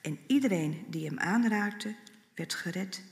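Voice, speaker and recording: A woman with a fairly low voice reads scripture calmly and steadily. The room is echoey, with a long reverb that hangs after her words. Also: slow pace. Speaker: scripture reader. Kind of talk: scripture reading. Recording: echoey church hall.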